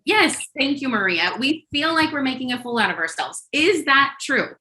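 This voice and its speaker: Woman coach on a video call, bright and sharp tone, chatty and upbeat, full of "um"s. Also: high voice, sing-song, fairly quick, poor audio. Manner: chatty and encouraging, many fillers and restarts. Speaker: productivity coach hosting a group call. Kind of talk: casual coaching talk to a group.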